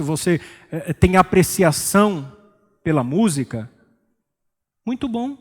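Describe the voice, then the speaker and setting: Man, Brazilian Portuguese accent, pastor, calm humorous sermon, somewhat high voice, long church reverb. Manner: calm, joking, acts out quoted church members. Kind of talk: expository sermon. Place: church sanctuary.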